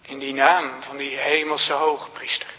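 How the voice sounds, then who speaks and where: A man preaching a sermon in a church, in a slow, solemn style with emphatic rising phrases. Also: mid-range voice, level tone. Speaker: pastor. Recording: lo-fi church recording with long reverb.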